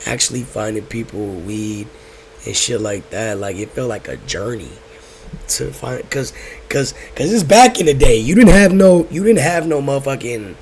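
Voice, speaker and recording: A man's voice: medium pitch, animated, moderate pace, darkish tone. A young American man telling stories casually in laid-back stoner talk, slangy and profane, rambling and repeating himself. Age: young adult. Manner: rambling, repeats phrases, drifts off track. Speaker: host telling personal stories.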